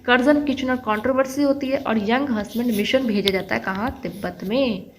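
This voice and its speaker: A woman's voice: a little high, moderate pace, slight background noise, low-quality recording. Chatty woman teaching history. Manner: chatty, repeats key words, asks and answers own questions. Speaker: exam-prep history teacher. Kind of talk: online lesson with memory tricks.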